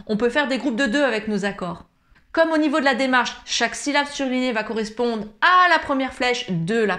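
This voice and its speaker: A woman calmly explaining ukulele chords and strumming step by step in a tutorial. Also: fairly high pitch. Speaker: ukulele teacher.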